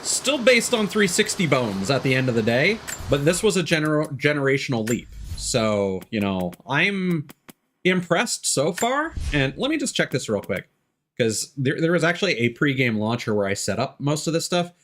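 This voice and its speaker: A game streamer rambles and swears through casual live commentary, musing aloud over game music. His voice is on the high side, sing-song and fairly bright, at a normal speed. There's a little hiss or hum in the recording.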